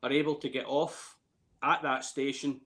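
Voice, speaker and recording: Male, late 50s, Scottish accent; casual interviewee, hesitant rambling storyteller with an average-pitched voice. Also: level tone, normal speed, fairly bright tone. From Scotland, near Glasgow. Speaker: distillery warehouse tour guide.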